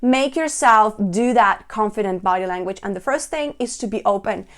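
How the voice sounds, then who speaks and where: A woman giving an instructional presentation as a public speaking coach, speaking in a clear, deliberate, emphatic way like a speech demonstration. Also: medium pitch, a bit bright.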